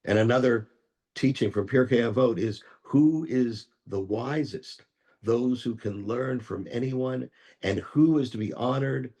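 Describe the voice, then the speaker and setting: A rabbi tells a parable in a measured, unhurried way. He slows down on the key sayings. His voice is dark and mellow, at a medium pitch. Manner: measured storyteller, slowing for key lines. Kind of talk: storytelling teaching.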